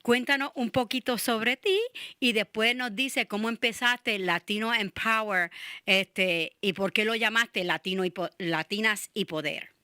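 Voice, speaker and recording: A woman's voice: medium pitch, a little slow, sharp tone, dry recording. A Puerto Rican woman hosts a radio interview in a chatty way, full of fillers and restarts. Her voice sits close and dry, with no room around it. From Connecticut, USA. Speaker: show host.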